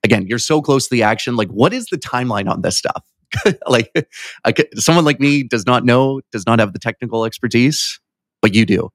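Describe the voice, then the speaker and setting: A man's voice: mid-range voice, lively intonation, brisk, dry recording, clean studio sound. A man hosting an interview in a casual, chatty way, informal and curious, with a self-deprecating streak. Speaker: interviewer, podcast host.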